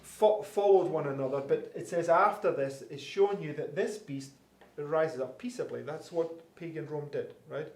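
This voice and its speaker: A man's voice: fairly high pitch, moderate pace, hardly any pauses, a little mellow. A man teaching a Bible class through an interpreter, reading scripture and often checking in with "right?", stumbling over repeated words when unsure. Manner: reads scripture aloud, keeps checking with "right?". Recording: roomy room with faint hum.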